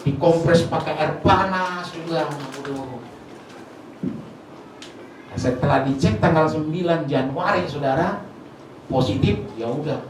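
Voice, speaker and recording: A man delivers an emotional sermon as pastor, his voice a little high and swinging from hushed to forceful as he keeps turning to the congregation. He sounds distant from the microphone in a heavily reverberant church hall. A faint hiss of noise sits under the recording. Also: normal speed. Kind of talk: sermon with personal testimony. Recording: very echoey hall, mic far off, faint noise.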